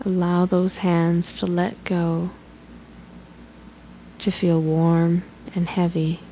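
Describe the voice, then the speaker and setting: A woman leading a guided relaxation meditation in a slow, soothing, instructional way. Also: on the low side, flat delivery, dark tone, a little hiss or hum, rough recording.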